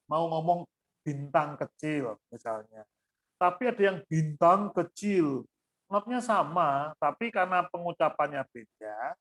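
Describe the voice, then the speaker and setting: A man's voice: fairly high pitch, fairly bright tone. A man, a choir coach, chatting loosely through a lesson on intonation and singing short note examples.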